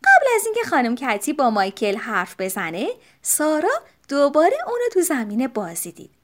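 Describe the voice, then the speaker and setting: Animated woman reading a children's storybook. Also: high voice. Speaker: audiobook narrator.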